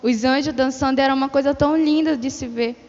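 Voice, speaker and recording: A woman's voice: sits high, fairly even intonation, fast talker, a little mellow. A woman in church giving a testimony of a vision, retelling the dialogue step by step. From Brazil. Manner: storytelling, retelling dialogue with repeated "he said like this". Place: church hall. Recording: dull lo-fi sound in a reverberant church hall.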